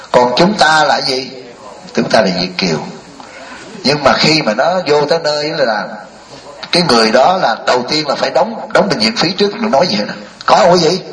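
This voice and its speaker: A man's voice: mid-range voice, fairly bright tone. A man, a Buddhist monk giving a folksy, joking sermon and firing rhetorical questions at a live audience. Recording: echoey hall, mic at a distance.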